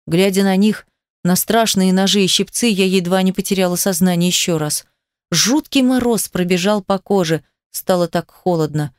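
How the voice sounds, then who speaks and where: A woman's voice: fairly low pitch, moderate pace, no echo, clean studio sound. A woman reading a first-person story aloud in an emotive, dramatic audiobook style. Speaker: narrator. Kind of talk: scripted audiobook narration.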